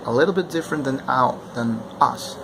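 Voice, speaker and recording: Young guy presenting for class, keeps saying okay?, ac humming loud in the back. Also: mid-range voice, brisk. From Ecuador. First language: Spanish. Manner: keeps checking in with a questioning "okay?". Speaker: language student presenting. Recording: steady air-conditioning hum behind.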